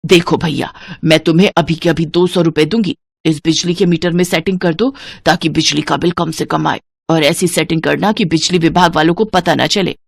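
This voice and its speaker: A stingy, scheming mother-in-law, as a woman voices her in a cartoon story, bossing her household about every penny. Her voice sits low and sounds dry and close. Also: fairly even intonation, normal speed, vocal fry, no echo. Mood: scolding. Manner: penny-pinching, scolding, bossy. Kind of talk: cartoon voice acting.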